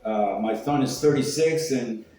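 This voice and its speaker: A little slow and warm-toned at medium pitch, an older man from Cuba recounts personal stories in a salty, meandering, casual way, acting out quoted lines. The recording has room echo, a far-off mic, and faint music.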